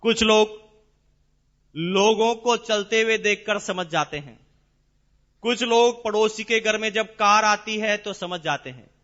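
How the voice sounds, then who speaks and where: A man speaking as a motivational business seminar speaker in a large hall, emphatic and repetitive, with rhetorical questions and drawn-out stresses. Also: high-pitched, a bit bright, highs cut off.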